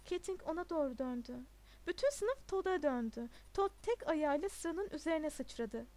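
High-voiced woman reading an audiobook. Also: big pitch swings, normal speed, darkish tone. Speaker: audiobook narrator.

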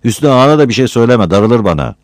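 A man voicing a scolding but kind village housewife who nags in quick bursts. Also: medium pitch, lively intonation, dry recording, studio quality, pitched above the performer's own voice, lightly acted. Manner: scolding, quick and hushed warnings.

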